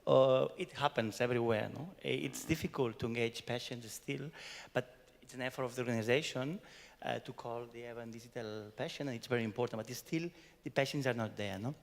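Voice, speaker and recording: A man's voice: medium pitch, fairly quick, vocal fry. A man from Barcelona with a Catalan-accented Spanish accent, giving a chatty conference talk and tagging his sentences with "no?". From Barcelona, Spain. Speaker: conference speaker. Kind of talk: conference talk summarizing a workshop. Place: conference hall. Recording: long hall reverb.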